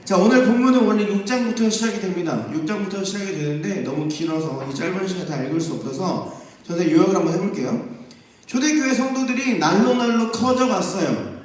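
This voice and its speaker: A young man preaching to a youth group, telling the story lively and acting out the voices of the people in it. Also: high voice, brisk. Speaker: youth pastor. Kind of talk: youth sermon. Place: church sanctuary. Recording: echoey church hall, distant mic.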